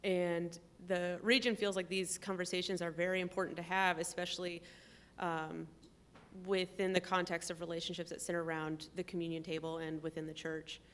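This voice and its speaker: A woman in a conversational interview, explaining step by step in a measured way and pausing often with "um". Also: on the low side, little pitch movement, a bit bright. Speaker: trip participant.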